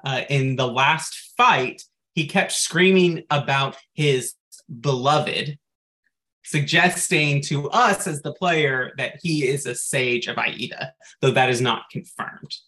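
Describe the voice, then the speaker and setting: A man's voice: mid-range voice, slow pace, bright, forceful tone. A man co-hosting a podcast in casual chat, recapping game lore at length and dropping in frequent "like" asides. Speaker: podcast co-host.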